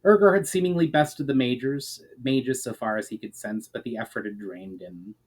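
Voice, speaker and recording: Here the same kind of reading comes at normal speed in a slightly rough, medium-pitched voice. The man narrates his own fantasy chapter dramatically, like an audiobook, leaning on phrase beginnings while the ends fade, with an occasional slip.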